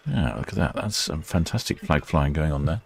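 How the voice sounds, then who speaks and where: A man's voice: very deep voice, animated, a little fast, creaky, a little hiss or hum. A man hosting a casual live ship-spotting stream, chatting and musing as he watches. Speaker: livestream host.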